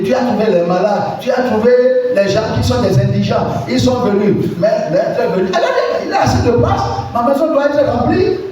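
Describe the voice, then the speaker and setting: A male pastor preaching a sermon emphatically, swinging between shouting and quiet asides and firing questions at the congregation. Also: high-pitched, slight background noise. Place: church hall before a congregation. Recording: very echoey church hall, voice from far off the mic.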